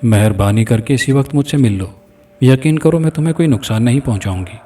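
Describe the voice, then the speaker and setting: A man's voice: medium pitch, dark tone, slight background noise, lightly acted. A man reading the lines of a female spirit in a horror story, coaxing and threatening. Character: seductive menacing female spirit. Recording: distant mic with faint music.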